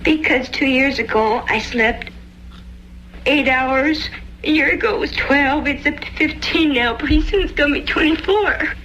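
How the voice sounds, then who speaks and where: A woman's voice: sits high, normal speed, fairly bright tone, highs cut off, slight background noise. An actress playing a bored, clingy housewife in an old film, pleading with her husband. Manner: whiny, pleading. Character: bored, clingy housewife who sleeps all day. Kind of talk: old film drama dialogue.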